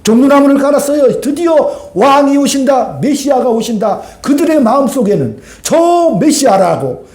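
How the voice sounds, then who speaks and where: A male pastor preaching a sermon, telling the story with lively rhetorical questions and acted-out voices. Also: very high-pitched, normal speed, few pauses. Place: church sanctuary. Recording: echoey church hall.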